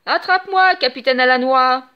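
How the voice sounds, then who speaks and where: A cheeky, daring young boy hero from a storybook, quick to tease his enemies, as a woman voices him. The voice is high and youthful. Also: highs cut off, natural voice. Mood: teasing. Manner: lively, defiant.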